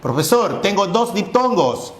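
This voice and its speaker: A man's voice: sits high, big pitch swings, unhurried, a little hiss or hum. A male teacher voicing a curious student who asks him a question.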